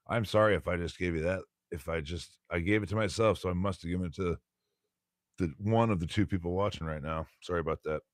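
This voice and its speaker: A man's voice: sits low, dry recording, studio quality. A man hosting a solo stream, reading a bird textbook aloud with casual, rambling commentary, laughing often and stumbling over words.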